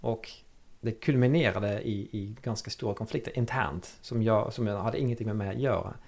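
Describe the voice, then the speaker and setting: A man's voice: fairly low pitch, gravelly, a little mellow. A man in casual chat, talking hesitantly, repeating words and searching for the right phrasing.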